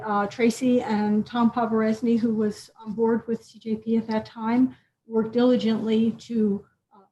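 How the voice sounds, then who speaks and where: A woman hosting a scholarship presentation, talking to an audience with fillers and repeats. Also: fairly high pitch. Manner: warm-up speaking with fillers and repeats. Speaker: scholarship program host. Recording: dull lo-fi sound with faint noise.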